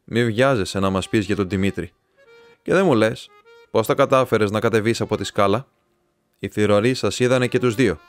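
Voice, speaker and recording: A man's voice: on the low side, faint music behind, close to an everyday voice. A man voicing an irritable middle-aged magistrate who questions sharply and gets flustered. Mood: interrogating.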